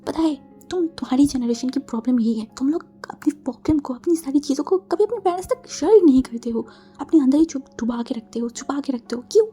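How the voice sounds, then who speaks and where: A woman's voice: high-pitched, lively intonation, fast, warm tone, soft background music. A woman voicing a middle-aged mother in a storybook retelling, lecturing her son sternly. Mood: scolding.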